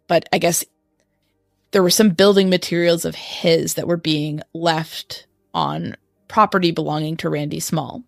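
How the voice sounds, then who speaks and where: A woman with a fairly low voice hosts a true-crime discussion. She explains the trial informally, with loose conversational phrasing. The sound is close and dry, with no room to it. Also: vocal fry, dry recording. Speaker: podcast host.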